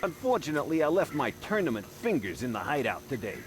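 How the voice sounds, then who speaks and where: A man's voice: mid-range voice, very animated, quick pace, faint music behind, lightly acted. A man playing a dim-witted, self-important petty thug in an adventure game, boastful and childishly literal. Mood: suspicious, boastful. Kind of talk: animated adventure game dialogue.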